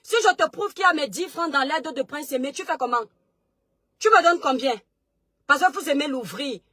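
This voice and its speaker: A woman, hosting a live stream and shouting rapid, scolding questions at her viewers. She says her voice is going hoarse. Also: high voice, lively intonation, no room sound, clean studio sound. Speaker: livestream host. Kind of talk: heated live-stream rant.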